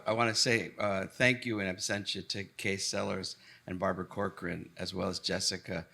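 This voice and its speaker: A man speaking as a panelist, measured and thankful as he reflects on a project. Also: low-pitched, vocal fry, fairly bright tone, husky. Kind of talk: panel discussion.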